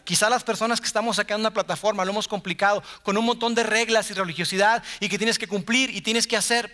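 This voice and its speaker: High, bright-voiced Mexican preacher. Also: male voice. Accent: Mexican Spanish. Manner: conversational, acts out quotes in softer or louder voices. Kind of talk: sermon. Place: church stage.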